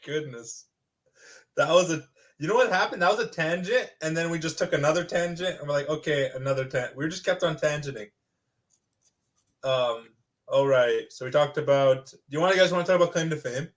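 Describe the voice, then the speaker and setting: A man's voice: a little high, brisk. A young man hosting a casual podcast chat, asking lots of questions, joking and laughing easily. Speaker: podcast host.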